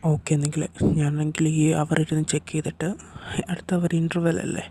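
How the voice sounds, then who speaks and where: A man acting out dialogue in an audio drama story in a flat, matter-of-fact official tone. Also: on the high side, brisk, slight background noise. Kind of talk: acted dialogue in a fan-fiction audio story.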